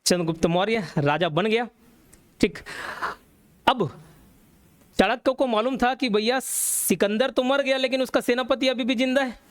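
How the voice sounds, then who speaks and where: A man's voice: very high voice, moderate pace, pauses often, dry recording. A man teaching a classroom history lecture, telling the story and quizzing students as he goes. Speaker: exam coaching teacher.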